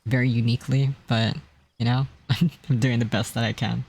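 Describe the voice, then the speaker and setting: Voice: mid-range voice, steady tone, moderate pace, gravelly, a little mellow, slightly rough. A streamer chatting casually on a live stream, telling stories in a rambling way with many restarts and a self-described weak, easily strained voice.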